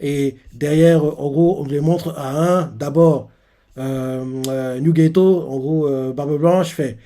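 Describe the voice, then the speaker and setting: A man's voice: on the high side, steady tone, slow, warm tone. A man hosting a manga reaction, casually recapping a chapter in a hesitant way with many fillers and self-corrections.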